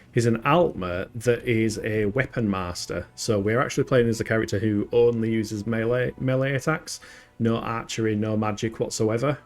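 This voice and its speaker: A man's voice: fairly low pitch, darkish tone. Joking man streaming a game. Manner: chatty, joking, laughs often. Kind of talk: casual gameplay commentary.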